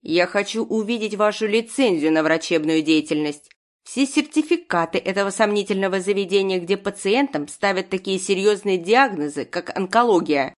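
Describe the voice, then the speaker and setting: For an audiobook character, a woman takes on the role of a commanding old woman doctor, barking orders in an imperious way. She speaks at normal speed in a mid-range voice with lively intonation, acting it only lightly.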